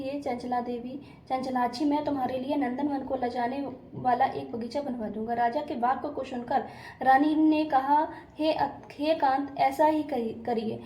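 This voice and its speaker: A woman reads a devotional story aloud in a high, mellow voice, often stumbling and going back over hard words. The room is echoey, with a faint noise underneath. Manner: halting reading with frequent stumbles and restarts. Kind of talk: reading a religious story aloud. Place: home room during a puja.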